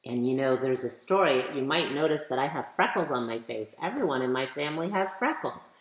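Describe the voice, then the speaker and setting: Speaking fairly quickly in a rumbling low voice full of expression, a woman of fifty reads a picture book to young listeners, pausing to ask questions and lean on key words. She is a children's author recording indoors in her living room, where the webcam catches plenty of room echo.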